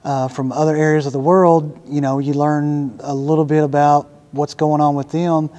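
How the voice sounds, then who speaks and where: Reflective man, mellow smooth voice. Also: fairly high pitch, level tone, moderate pace. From Arkansas, USA. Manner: thoughtful, searching for words with fillers. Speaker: interviewee working with international students. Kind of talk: casual interview answers. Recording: echoey room with long reverb.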